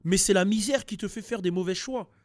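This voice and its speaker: A young man from France talks through rap news in a loose, animated way. His voice sits high, and he fills gaps with hesitations and quick restarts. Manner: animated, frequent fillers and restarts. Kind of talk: casual commentary video.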